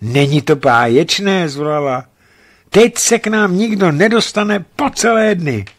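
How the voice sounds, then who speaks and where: A man's voice: mid-range voice, very animated, a bit bright. A man voicing a playful, passionate young woman in a novel reading, teasing and affectionate. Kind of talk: audiobook reading.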